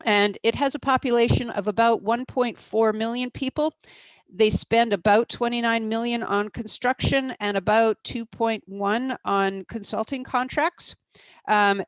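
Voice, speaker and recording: A procurement expert presents in a webinar, explaining things step by step with frequent "uh"s, "um"s, restarts and self-corrections. Her voice is mid-range in pitch, and the recording is dry and close with no room sound at all.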